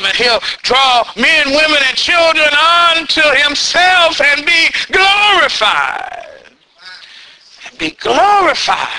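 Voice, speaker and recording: High, bright-voiced preacher at a pulpit mic. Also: male voice, rough recording. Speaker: pastor. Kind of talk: sermon then prayer.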